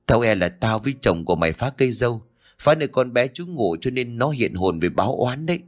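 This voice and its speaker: A man's voice: medium pitch, expressive, brisk, close to an everyday voice. A man voicing an old village chief in a ghost story, his speech shaky and stammering with fear. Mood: terrified. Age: older.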